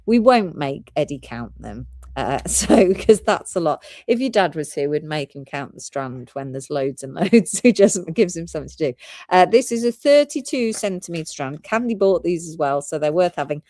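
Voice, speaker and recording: British female host for live shopping, rambling and giggly, lowish voice, dry close sound. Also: sing-song, normal speed, warm tone, no echo. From Britain. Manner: chatty, giggly, rambling product talk.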